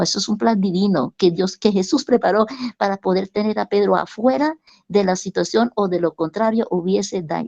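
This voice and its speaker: Woman Bible teacher, gravelly voice, chatty storytelling with rhetorical questions, dry dull lo-fi recording. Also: medium pitch, dark tone, no echo.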